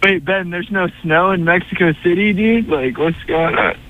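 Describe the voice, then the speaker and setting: A man's voice: high voice, moderate pace. A man calling in to a radio show over speakerphone, laid-back, throwing "dude" into his talk. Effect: speakerphone over a phone line. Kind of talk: casual chat. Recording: tinny speakerphone phone line.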